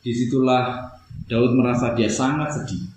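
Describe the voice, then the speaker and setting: A man's voice: medium pitch, little pitch movement, moderate pace, a little mellow, a little hiss or hum. A man preaching a conversational sermon, often turning to his listeners as brothers and sisters. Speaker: pastor. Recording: very echoey hall.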